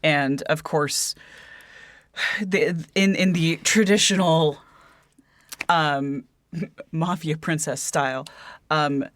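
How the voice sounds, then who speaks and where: A woman's voice: low voice, very slow, pauses often, a bit bright, dry recording. A woman co-hosting a casual book podcast, talking hesitantly with lots of fillers and restarts. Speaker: podcast co-host.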